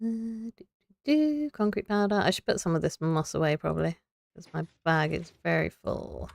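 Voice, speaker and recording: A woman's voice: low-pitched, fairly even intonation, fairly quick, gravelly, no echo. A young woman streaming a building game, chatting to viewers and thinking aloud as she builds, laughing often. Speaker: Minecraft streamer. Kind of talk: casual live gameplay chat.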